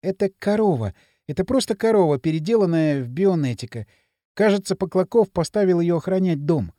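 A man's voice: high-pitched, lively intonation, brisk, mellow, no room sound, studio quality. A man reading an audiobook speaks the lines of a frightened teenage girl in a lightly acted voice. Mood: worried.

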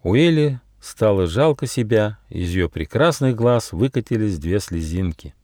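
A man's voice: lowish voice, measured pace, dry recording, clean studio sound. Man reading a fairy tale aloud. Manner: expressive, switches into many character voices. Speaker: author reading his own book. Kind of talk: storybook narration with character voices.

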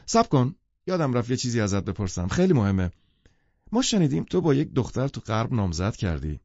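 A man's voice: fairly low pitch, expressive, dark tone, no room sound, muffled recording. A man narrating an audiobook who voices a playful, insistent young woman, a wealthy socialite.

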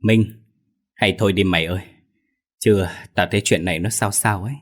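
A man voicing a cowardly male thief who grumbles and frets in quick, nervous speech. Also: low voice, fairly even intonation.

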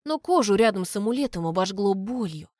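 A woman narrating a first-person fantasy story in a brisk, even storytelling manner. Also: mid-range voice, dry recording, clean studio sound. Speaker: audiobook narrator.

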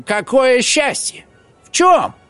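Мужчина играет грубого вспыльчивого молодого вора. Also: male voice, high-pitched, big pitch swings, slow, no room sound, pitched above the performer's own voice, heavily acted. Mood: rough. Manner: rough, abrupt. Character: rough hot-tempered young male thief.

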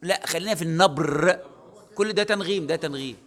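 A man's voice: on the high side, fast talker, fairly bright tone. A male university lecturer with an Egyptian accent, explaining casually with many fillers and self-corrections. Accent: Egyptian Arabic. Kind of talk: recorded online lecture.

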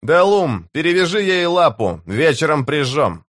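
Guy doing a proud young warrior chief, bold and bossy, pitched up high, dry close sound. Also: big pitch swings, a little slow, a bit bright, no room sound, full character voice. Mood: commanding. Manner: bold, declaiming, commanding.

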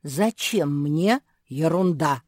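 Gruff bossy snake-fox creature, a woman doing it, slow curt orders, dry close sound. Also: low-pitched, expressive, darkish tone, dry recording, exaggerated voice. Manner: slow, curt barking commands.

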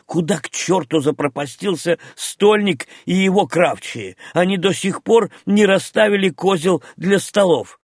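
A man voicing a loud, mocking young English squire in an audiobook reading. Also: sits high, unhurried, hardly any pauses, dry recording, studio quality, voice pushed up. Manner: jeering, boisterous.

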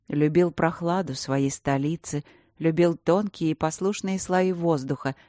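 A woman reading a romantic fantasy audiobook as narrator, measured and even. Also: deep voice, no echo, studio quality. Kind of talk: scripted narration.

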